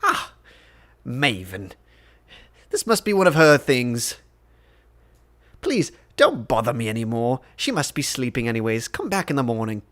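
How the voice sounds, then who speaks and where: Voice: big pitch swings, unhurried, pauses often, a bit bright. A game master voicing a grumpy male nobleman roused at night, irritable and prone to exclaiming. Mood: dismissive. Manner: irritable, exclaiming, pitch leaping high. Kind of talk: tabletop role-play voice acting.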